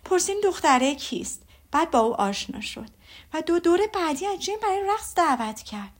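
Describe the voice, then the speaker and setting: A woman reading aloud voices a gossiping middle-aged mother who gushes excitedly. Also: sits high, pitched above the performer's own voice. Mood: gushing. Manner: gushing and breathless.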